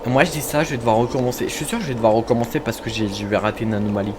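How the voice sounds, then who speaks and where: A man chats through his game, teasing himself and addressing his viewers in a loose, casual way. His voice sits at an ordinary middle pitch, with clear game noise and ambience behind him. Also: fairly even intonation, rapid-fire. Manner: chatty, self-mocking, talks to viewers. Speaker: gamer. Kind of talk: casual let's-play commentary. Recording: noticeable background noise.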